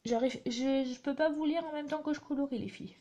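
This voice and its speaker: A woman's voice: sits high, fast, warm tone. A woman, chatting casually while she demonstrates a craft project on a live stream. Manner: chatty, narrates her hands-on work with little asides. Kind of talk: live craft tutorial chat.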